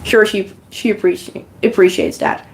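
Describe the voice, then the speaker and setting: This Dutch-native woman chats and rambles on her knitting stream, reading and thanking comments from the chat. Her medium-pitched voice is gravelly and darkish, with huge pitch swings at normal speed; despite a good podcasting microphone, the recording is low quality with slight background noise.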